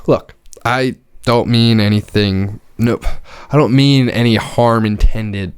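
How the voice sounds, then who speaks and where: Male co-host, casual and hesitant, smooth tone, close dry recording. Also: mid-range voice, fairly even intonation, takes it slowly, no echo. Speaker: podcast co-host. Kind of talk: casual chat.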